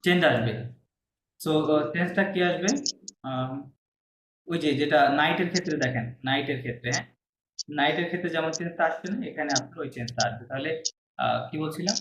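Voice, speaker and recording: A man from Bangladesh teaches a French lesson, patient and repetitive, checking in with his students over and over. His voice sits a little high for a man. The room is echoey, with faint noise behind him. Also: fairly quick, long pauses, fairly bright tone. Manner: patient, repeats and quizzes students. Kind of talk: classroom lesson.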